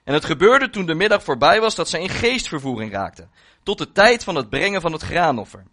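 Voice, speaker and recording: A man's voice: fairly high pitch, very animated, fairly quick, a bit bright. A male preacher reading a long scripture passage aloud as part of his sermon, solemn and with rising emphasis.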